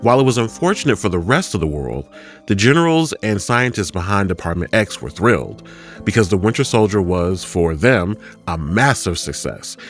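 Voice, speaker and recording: A man co-hosting a scripted podcast, explaining things with dry, deadpan retorts. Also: low-pitched. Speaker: podcast co-host.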